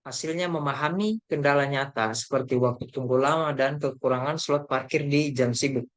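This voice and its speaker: Young man haltingly reading slides. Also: medium pitch. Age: young adult. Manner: reads haltingly, with self-corrections and fillers. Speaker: university student presenting a group report. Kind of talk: reading slides aloud in a class presentation.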